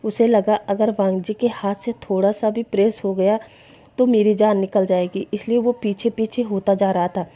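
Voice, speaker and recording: A woman's voice: mid-range voice, steady tone, moderate pace, mellow. A woman telling a story in a casual, chatty narration. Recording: dull lo-fi recording.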